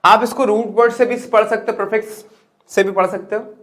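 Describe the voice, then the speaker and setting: A young man with an Indian English accent teaching vocabulary with memory tricks. He talks in lively swings between high emphatic lines and low murmured asides. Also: brisk.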